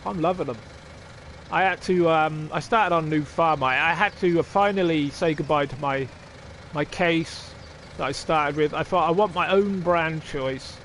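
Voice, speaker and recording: Over a little hiss or hum, a man with a higher-side, somewhat bright voice speaks at a moderate pace. It's casual live-stream talk: he plays a farming game, reasons aloud, chats with viewers and swears casually.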